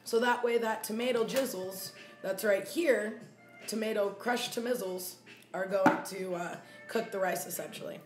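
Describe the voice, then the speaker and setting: Her voice worn and fading, a woman in her twenties runs a casual home cooking vlog in a small kitchen, speaking at a moderate pace in a mid-range voice. She's playful and slangy, giving words silly rhyming tails. A phone camera records her close up and then from a few steps away, so the sound is reverberant and distant, with faint music behind.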